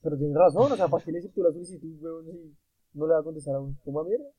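A young man hosting a casual podcast chat, telling animated stories full of swearing. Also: on the high side, very fast, no room sound, poor audio. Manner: animated crude storyteller, swears a lot. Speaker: podcast host.

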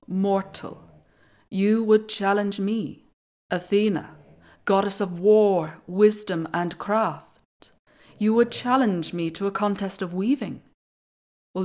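A woman with an Irish accent voicing Athena, a mighty goddess, speaking loud, slow and imperious. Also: medium pitch, close to an everyday voice.

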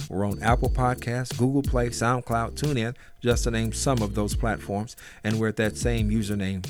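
A man hosting a radio interview with a clear announcer delivery. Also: on the low side. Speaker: radio host.

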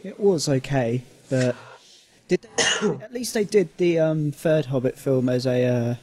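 A man's voice: mid-range voice, a little slow, a little mellow. A man co-hosting a podcast in casual chat, hesitant and full of fillers, with a dry, sarcastic humor. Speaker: podcast co-host.

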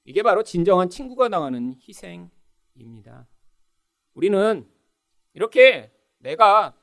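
A man's voice: high voice, big pitch swings, unhurried, fairly bright tone. A male pastor preaching a sermon, asking rhetorical questions and acting out quoted lines.

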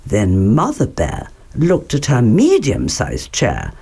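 Woman storyteller, slow and very expressive, reading a children's tale. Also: very deep voice. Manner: slow, expressive, clearly paced.

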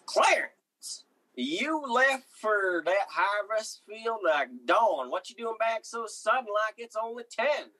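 Lady doing a hothead farmer guy, bright voice, rants in a thick country drawl. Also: a little high, animated, slow, exaggerated voice. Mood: puzzled. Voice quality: folksy rural drawl with colorful insults. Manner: fiery, vengeful ranting. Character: hot-tempered male farmer neighbor, folksy.

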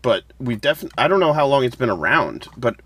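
Podcast dude joking around, rambly, normal pitch. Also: male voice, very animated, quick pace, a bit bright. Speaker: podcast co-host. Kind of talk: casual chat.

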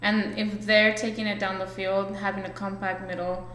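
A woman's voice: mid-range voice, little pitch movement, normal speed, fairly bright tone, a little hiss or hum. A young woman in her twenties, a physics student, explaining earnestly in a casual chat. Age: 20s. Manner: earnest, listy, thoughtful. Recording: very echoey room.

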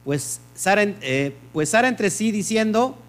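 Guy teaching bible study, high voice, keeps asking the group stuff then answering it himself. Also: lively intonation, measured pace, fairly bright tone. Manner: asks the group questions and answers them himself.

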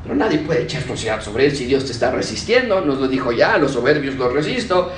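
A man's voice: mid-range voice, very animated, fast talker. Man, sermon, emphatic, faint ambient noise. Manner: preaching with emphatic shifts and acted quotes. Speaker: preacher. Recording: roomy, distant mic with faint ambience.

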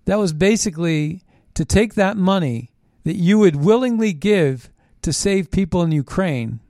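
A man with a high, animated, somewhat mellow voice delivers a slightly slow political monologue on his talk show, reading his own posts and commenting on them. His tone is emphatic and conspiratorial, with repeated phrases for stress, and the studio-quality recording has no room sound.

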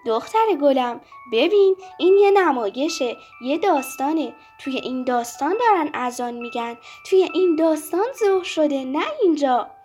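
A woman voicing a patient mother who calmly answers her little daughter in a children's story. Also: high-pitched, few pauses, soft background music. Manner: calm, reassuring, gently firm. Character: patient mother of a small girl, gently firm.

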